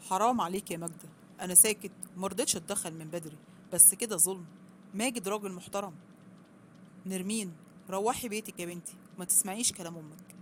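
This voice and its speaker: A woman's voice: medium pitch, quick pace, noisy background, close to an everyday voice. Woman voicing a stern Egyptian father. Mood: firm. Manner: firm, scolding. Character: stern middle-aged father, calm and fair.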